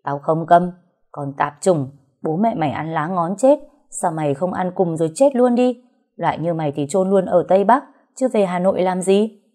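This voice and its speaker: A spiteful middle-aged stepmother, deep-voiced and mellow, who sneers and hurls insults until she is shouting, as a woman narrator puts her on. The audio story keeps her sharp and scornful. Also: moderate pace, natural voice. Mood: scornful taunting.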